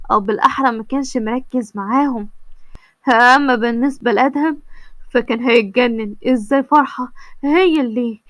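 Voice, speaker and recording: A woman's voice: high-pitched, no room sound. A woman with an Egyptian accent narrating a comic story and chatting directly to her viewers. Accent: Egyptian Arabic. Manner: lively, addressing viewers directly.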